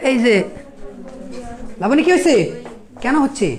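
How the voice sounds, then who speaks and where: A woman with a Bangladeshi Bengali accent teaching English at a coaching class, firing quick rhetorical questions at her students. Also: high-pitched, animated. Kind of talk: classroom lecture.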